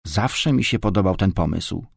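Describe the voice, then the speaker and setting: A man's voice: deep voice, expressive, creaky, husky, no echo, studio quality, full character voice. A man reading a storybook, voicing a bold, bossy young girl who gives orders. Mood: cheerful. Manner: brisk and commanding.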